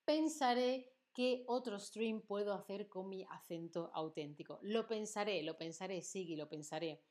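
A young woman from southern Spain's Andalusia speaks at normal speed in a mid-range, slightly mellow voice and a neutral standard accent. Giving a Spanish lesson on a live stream, she's chatty, questions her viewers and reads out their messages.

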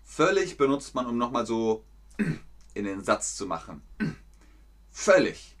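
A man giving a livestream language lesson, speaking slowly and deliberately, with his pitch swinging up and down expressively. He repeats each word several times and turns to chat with viewers in between. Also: very animated. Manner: slow, clear, repetitive teaching with frequent laughs; chats with viewers. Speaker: German teacher.

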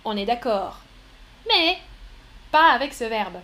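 Female pronunciation teacher on a live stream; unhurried, careful, repeats words clearly. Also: fairly high pitch, sing-song, sharp tone. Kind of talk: live-streamed language lesson.

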